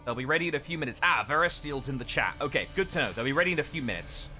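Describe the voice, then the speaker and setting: A man casting a live game stream in casual chat, reading chat aloud with quick asides. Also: medium pitch, lively intonation, over music. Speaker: esports caster.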